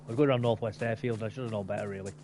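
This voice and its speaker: Quick-talking man chatting casually. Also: fairly low pitch, steady tone, a little mellow. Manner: chatty, laid-back, fond of mild swearing. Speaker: gamer. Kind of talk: casual chat while gaming.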